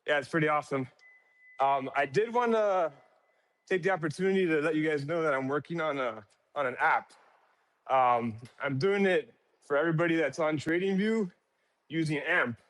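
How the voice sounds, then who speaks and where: A man's voice: on the high side, moderate pace, a bit bright, no echo. A man in his forties from Miami, out of breath and calling in from work on a phone, talking eagerly and gratefully in a rambling way. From Miami, Florida. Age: 40s. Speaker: caller, trader. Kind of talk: casual chat on a live audio room. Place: at work, walking in a hospital.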